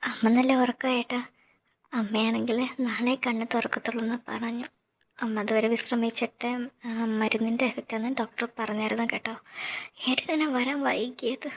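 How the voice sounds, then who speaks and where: A woman's voice: medium pitch, fast talker, gravelly. A woman playing a tired, anxious young woman. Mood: soft. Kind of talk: fan audio drama acting.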